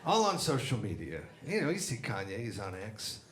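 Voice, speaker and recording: Brash, lively male stand-up comedian. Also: lowish voice, moderate pace, soft background music. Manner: crude, brash punchlines. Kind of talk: stand-up set. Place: comedy club stage. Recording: echoey club with loud crowd. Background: audience laughing.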